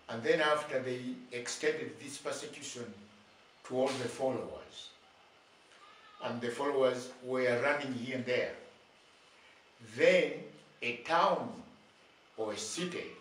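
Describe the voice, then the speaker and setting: Give me an older bishop giving a slow sermon in short phrases, recorded from a distance with faint background noise. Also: male voice, medium pitch, a bit bright. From Uganda. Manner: slow, deliberate, with long pauses between short phrases. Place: indoors, plain room. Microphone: far camera. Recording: very echoey room, far from mic, faint noise.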